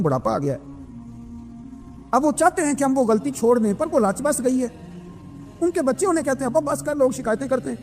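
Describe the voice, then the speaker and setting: A man preaching an emotional sermon, telling stories and voicing the people in them, moving between soft and raised delivery. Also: sits high. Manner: storytelling, voicing figures in quoted dialogue.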